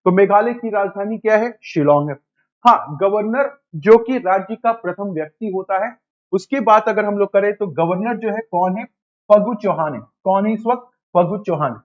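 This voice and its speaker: High-voiced man quizzing exam students. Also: normal speed, lo-fi sound. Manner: quizzing, repeats answers back to himself; addresses students as "beta". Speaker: exam coaching teacher. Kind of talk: classroom lecture for exam prep.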